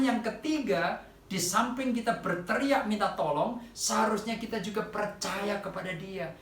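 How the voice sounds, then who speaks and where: High gravelly preacher in an echoey church. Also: male voice, far from the mic. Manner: addresses congregation repeatedly, rises loud on quoted cries. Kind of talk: sermon. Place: church online service.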